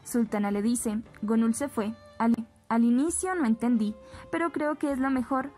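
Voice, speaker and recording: Woman recapping a soap episode, slightly high voice, music playing under her. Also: normal speed, a little mellow. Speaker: recap narrator. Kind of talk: retelling a soap opera episode. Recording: background music bed.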